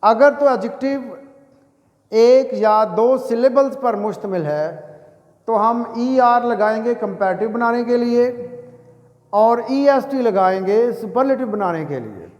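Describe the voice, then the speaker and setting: A man teaching English grammar, dictating example sentences slowly and deliberately, then asking questions and answering them himself. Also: extremely high pitch, muffled recording. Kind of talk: grammar lesson. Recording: echoey room with long reverb.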